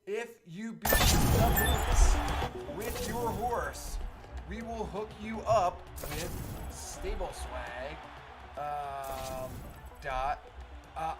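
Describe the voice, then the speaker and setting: High-voiced male race caller over music. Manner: relaxed and filler-heavy between races, building to shouted race calls. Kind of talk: live-stream chat and horse race commentary.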